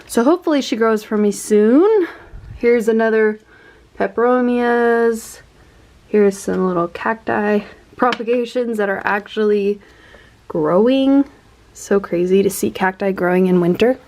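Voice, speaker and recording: A woman's voice: mid-range voice, unhurried, a little mellow, a little hiss or hum. A woman giving a casual, chatty tour of her houseplants as a vlogger, laughing at herself and sounding a little out of breath. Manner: chatty, self-deprecating, laughs often. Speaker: plant vlogger.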